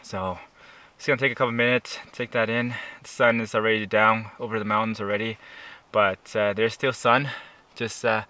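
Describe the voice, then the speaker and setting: A man chatting casually to camera as a camping vlogger out in the cold, speaking haltingly as he searches for words, his mouth a little stiff from the chill. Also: lowish voice, fairly even intonation, pushed and bright. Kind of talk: casual vlog chat to camera. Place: outdoors at a snowy mountain campsite.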